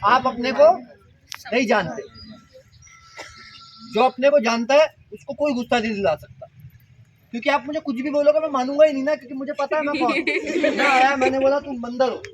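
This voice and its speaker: This man's voice is very high, and he speaks fairly quickly but leaves long pauses. He is giving an interactive mind-power workshop to school students, playfully quizzing them with questions, and background noise can be heard.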